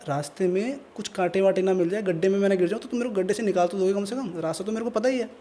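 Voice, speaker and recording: A creepy old spirit grandpa, put on by a man storyteller with a Pahari Hindi accent, talking low and menacingly in a told horror story. His voice sits darker and lower than the narrator's own, with a mellow tone and faint background noise. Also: very fast, natural voice. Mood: frail, coaxing. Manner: soft and kindly at first, then low and menacing. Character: sinister old male hill spirit posing as a frail grandpa.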